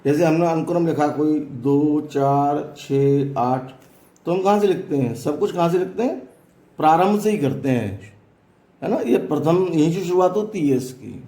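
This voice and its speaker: A man's voice: fairly high pitch, expressive, moderate pace, mellow, reverberant. A man teaching a classroom math lesson, explaining step by step and asking students questions as he goes.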